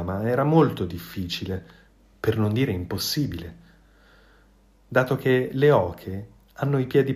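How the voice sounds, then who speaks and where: A man reading a children's storybook aloud in a calm, measured way. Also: lowish voice.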